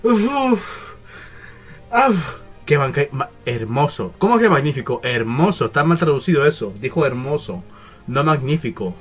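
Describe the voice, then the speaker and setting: A man's voice: medium pitch, animated, moderate pace, soft background music. A young man reacting to an anime episode, emotional and full of exclamations. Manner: emotional, exclamatory, swings from shouts to murmurs. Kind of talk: excited reaction commentary.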